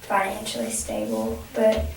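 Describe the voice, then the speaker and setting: A young adult woman speaking haltingly, often restarting phrases, in a conversational counseling role-play as the client. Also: medium pitch, very animated. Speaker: student playing a counseling client. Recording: echoey, distant, noisy room recording.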